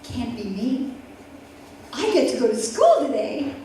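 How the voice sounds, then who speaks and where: A woman in her forties telling a personal story at an event, with vivid, dramatic pauses. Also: on the high side, big pitch swings, dark tone, a little hiss or hum. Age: 40s. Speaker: event speaker. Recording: echoey hall from far off, faint ambience.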